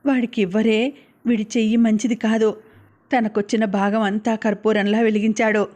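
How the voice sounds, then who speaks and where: A woman voicing a grieving elderly grandmother who speaks in halting, tearful pleas. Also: a little high, little pitch movement, darkish tone, natural voice. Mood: sorrowful. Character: grieving elderly grandmother fretting over her son.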